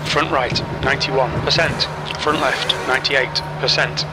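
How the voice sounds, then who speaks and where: A man's voice: mid-range voice, steady tone, unhurried, natural voice. Clipped race car radio engineer played by a man, engine roar. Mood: matter-of-fact. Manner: clipped, matter-of-fact announcing. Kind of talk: race car radio briefing, scripted updates. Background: loud car engine and hum.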